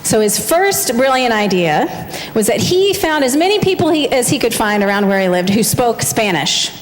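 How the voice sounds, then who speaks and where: Animated woman telling a story in church. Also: a little high, normal speed, a little hiss or hum. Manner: lively, expressive storytelling. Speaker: family minister. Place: large church sanctuary. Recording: church hall with long reverb.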